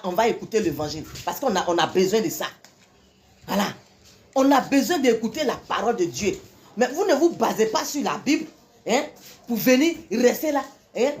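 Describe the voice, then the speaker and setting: A woman's voice: fairly high pitch, darkish tone. A woman, delivering an impassioned, scolding religious tirade full of repetition and rhetorical questions. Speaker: self-styled preacher.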